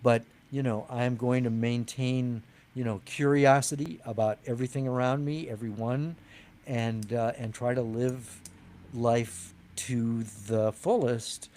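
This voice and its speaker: An older man in his sixties, guesting on an interview show as a novelist. He talks in a loose, friendly, rambling way, often restarting a sentence before he lands it, at a mid-range pitch for a man. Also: steady tone, a little slow, a little mellow. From United States. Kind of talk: casual interview chat.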